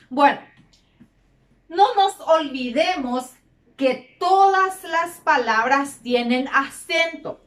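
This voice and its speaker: A woman's voice: high voice, a bit bright. A woman teaching a grammar lesson to children, repeating key words and stretching words out. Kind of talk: slow, deliberate classroom lesson. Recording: roomy echo.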